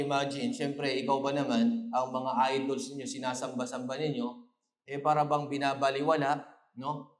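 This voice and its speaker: A man preaching an Islamic lecture in a roomy, echoing space. His voice is mid-pitched, and he tells the story in surges, climbing to emphatic peaks and weaving in Arabic phrases. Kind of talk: Islamic lecture after evening prayer.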